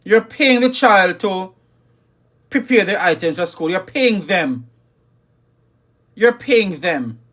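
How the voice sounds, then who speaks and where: A man's voice: high-pitched, animated, slow pace, long pauses, a bit bright. A man hosting a live talk on parenting, emphatic and scolding, repeating his key lines and reading viewer comments. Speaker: livestream host.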